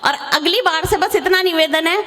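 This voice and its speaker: A woman's voice: extremely high pitch, normal speed, bright, forceful tone. A young woman poet telling chatty comic stories to a live audience at a poetry recital. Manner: chatty storytelling, breaks into sung verse. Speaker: stage poet. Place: large hall with live audience. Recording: faint noise, long hall reverb.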